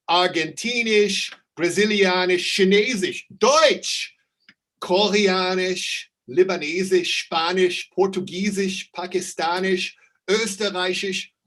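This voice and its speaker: Slow-talking man teaching German online. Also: on the high side, bright, forceful tone, husky, low-quality recording. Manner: slow, repeats questions, reads student answers aloud. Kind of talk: live online German lesson.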